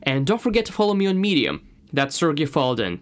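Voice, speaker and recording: A man's voice: on the high side, wildly swooping pitch, a little fast. Russian-accented man hosting a podcast. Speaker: podcast host. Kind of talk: scripted podcast introduction monologue.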